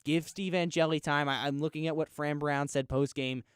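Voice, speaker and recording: A man hosting a casual sports radio show from a studio, telling listeners to calm down in an easygoing way. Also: fairly high pitch, moderate pace, clear, resonant tone, dry recording. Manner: laid-back, urging everyone to calm down. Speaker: radio sports talk host. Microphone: studio microphone.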